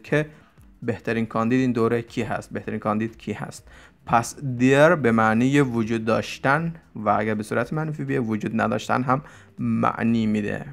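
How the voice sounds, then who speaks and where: A man teaching English vocabulary in Persian, explaining quickly and reading each English example slowly and deliberately. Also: mid-range voice, vocal fry.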